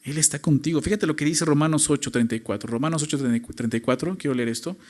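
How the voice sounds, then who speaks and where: A pastor delivers a fast-paced sermon, driving his points home with rhetorical questions. His voice swings between loud emphasis and quiet, low phrases.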